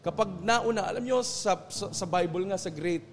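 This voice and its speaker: A Filipino man, a pastor, giving an earnest, preacherly testimony that slows for emphasis. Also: sits high, a little hiss or hum. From Philippines. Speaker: pastor, interview guest. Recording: long hall reverb.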